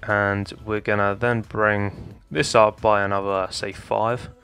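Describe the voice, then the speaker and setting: Walking viewers through a Minecraft build in casual commentary, this young man calls them "guys" while speaking slowly and flatly. His voice is on the low side, a bit bright, and slightly hoarse as he loses it, over faint background music.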